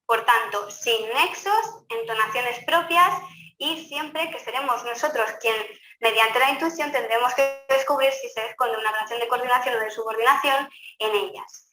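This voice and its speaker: A woman's voice: a little high, moderate pace, bright, forceful tone, faint music behind. A woman teacher from Spain, explaining grammar in a recorded lecture and talking straight to her students. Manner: explanatory, addresses students directly. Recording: echoey room, faint background noise.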